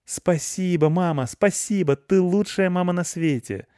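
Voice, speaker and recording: A man voicing an eager young boy who begs and shouts with excitement. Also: high-pitched, a little slow, dry recording, studio quality, voice pushed up. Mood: pleading, excited. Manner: excited, begging.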